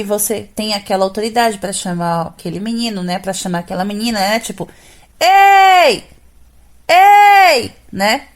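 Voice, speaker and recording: Brazilian woman voice coach, patient step-by-step explainer with tag questions and quick sung demos. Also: mid-range voice. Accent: Brazilian Portuguese. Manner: explains step by step, ending phrases with "né?" and singing brief vocal demonstrations. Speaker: singing teacher. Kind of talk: explanatory vocal lesson.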